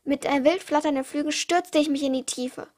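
A teenage girl with a high, slightly mellow voice reads her own short stories for her podcast, briskly and with fairly even intonation. She makes small slips and starts over now and then, so the pace is uneven.

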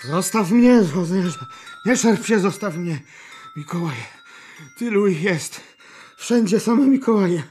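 A man's voice: high-pitched, lively intonation, slow pace, darkish tone, husky, heavily acted. A man playing a hapless, stubborn, hungover office drinker in an audio drama, bewildered and stammering. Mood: groggy, confused. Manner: stammering, groggy, slurred exclamations.

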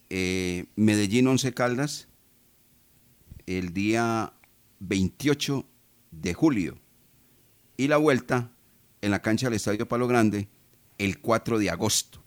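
A man's voice: lowish voice, no echo. A man hosting a sports radio show, leading the talk and passing it to his co-hosts. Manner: leads the show, hands off to co-hosts.

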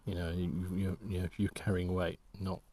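A man talking casually while out walking, rambling in halting, restarting sentences as he thinks aloud. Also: low voice, level tone, dark tone, husky. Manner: rambling, halting, many restarts and trailing thoughts. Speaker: walking vlogger and artist.

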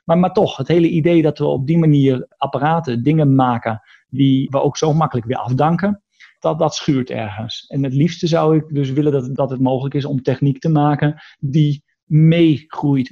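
A man's voice: mid-range voice, fairly even intonation, normal speed, creaky, warm tone, highs cut off. A man being interviewed about social robots, speaking thoughtfully and hesitantly with many fillers and restarts. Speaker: guest, artist and robot researcher. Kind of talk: conversational interview.

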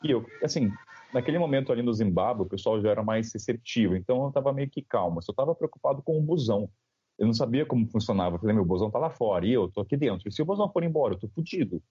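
A young man from Brazil telling a story in a casual, slangy, animated way, acting out the dialogue. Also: mid-range voice, very fast, husky, no echo. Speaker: podcast guest. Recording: slightly dull lo-fi sound.

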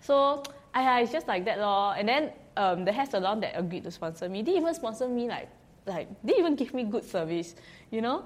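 A young Singaporean woman speaking casual Singlish as an interview guest, telling stories in an animated way and often quoting conversations. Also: a little high, fairly quick. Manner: colloquial Singlish with particles like lah and lor. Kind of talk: casual chat.

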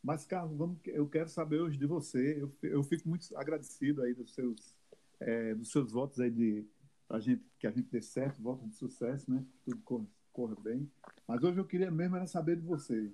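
A man's voice: mid-range voice, fairly quick, warm tone, poor audio. A man hosting a web radio interview show, asking friendly, encouraging questions. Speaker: show host.

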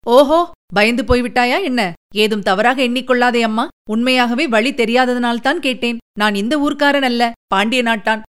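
A woman's voice: fairly high pitch, normal speed, a bit bright, clear, resonant tone, lightly acted. A woman voicing an earnest, lovesick young prince who speaks in pleading, emotional questions. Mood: polite.

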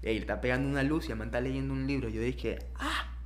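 Fast-talking young Panamanian man telling stories. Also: mid-range voice, steady tone. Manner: slangy, mixes in English words. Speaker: interview guest. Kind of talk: casual personal storytelling.

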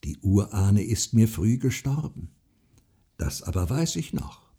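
A man voicing a frail old widow who speaks softly, earnestly and secretively. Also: lowish voice, sing-song, a little slow, husky, full character voice.

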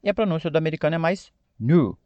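A Brazilian man with a Brazilian Portuguese accent teaches an English pronunciation lesson online, talking directly and lively to his viewers and repeatedly asking "ok?". His voice is on the high side at a normal speed, and the recording is muffled.

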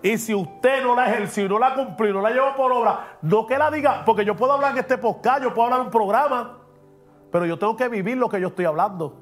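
Emphatic high-voiced pastor. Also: male voice, fast talker. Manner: emphatic and preachy, drops English words in. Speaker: pastor, podcast host. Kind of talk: preaching podcast talk. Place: podcast studio.

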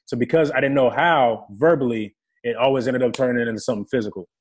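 Talking fast at a medium pitch, a young man from the DR Congo whose first language is French shares his life story with earnest, vivid detail. He's a guest in a relaxed interview and works on a football team's player engagement staff.

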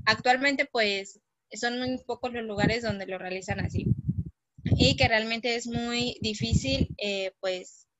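A Mexican woman giving a talk, pausing often with fillers. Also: a little high, a bit bright, no echo, muffled recording. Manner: hesitant, many fillers. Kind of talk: presentation.

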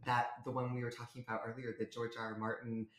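A woman's voice: very deep voice, level tone, quick pace. Enthusiastic woman author, echoey room. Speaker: guest author. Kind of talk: casual chat.

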